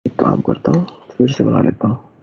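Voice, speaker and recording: A man's voice: on the low side, huge pitch swings, brisk, creaky, a little hiss or hum. A man teaching math in a live online class, explaining step by step and checking whether his students follow. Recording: dull lo-fi dry recording.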